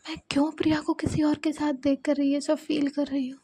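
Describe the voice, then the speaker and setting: Woman narrator doing a troubled young woman, soft musing, high voice. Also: flat delivery, brisk, no echo, natural voice. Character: young woman torn by hidden feelings.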